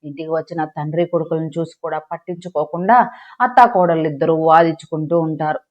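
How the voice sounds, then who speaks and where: A woman narrating a scripted village story in a lively storytelling manner. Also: deep voice, quick pace. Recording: dull lo-fi recording.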